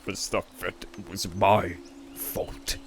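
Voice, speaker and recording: A man voicing a vengeful, tormented Spartan warrior, with a brooding manner, slow drawn-out lines that rise into shouts. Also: low-pitched, little pitch movement, slight background noise. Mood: anguished. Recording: music playing loudly behind.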